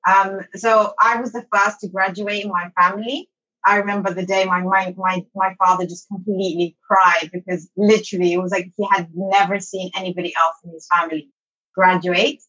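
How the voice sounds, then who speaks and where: Speaking a little fast, this Somali-born woman tells her story casually in an interview, tracing her childhood move to Saudi Arabia and later to London, and mentions she teaches English online. Her mid-range voice sounds pushed, bright and slightly rough with flat delivery, and the top frequencies are missing.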